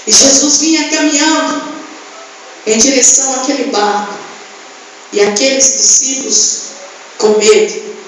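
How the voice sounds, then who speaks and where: A woman's voice: high voice, steady tone, a little slow, long pauses. A woman pastor preaching an impassioned sermon in a church, breaking into tongues and repeated refrains. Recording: echoey church hall, from far off, faint noise.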